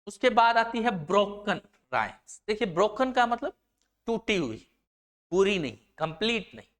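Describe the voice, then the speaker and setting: A woman teacher with an Indian accent who gives an exam-prep lecture, reading English definitions slowly word by word and then explaining them in Hindi. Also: medium pitch, big pitch swings.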